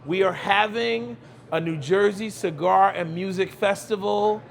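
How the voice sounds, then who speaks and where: Unhurried and gravelly, this high-voiced Brooklyn, New York man is a cigar lounge owner being interviewed as a podcast guest. He speaks conversationally, pressing his points and repeating phrases.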